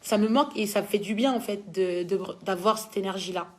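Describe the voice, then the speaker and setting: Speaking fairly quickly at a medium pitch, this young woman from Belgium has a Belgian French accent. As a dancer fielding fan questions, she reads them aloud and responds in a relaxed, chatty way.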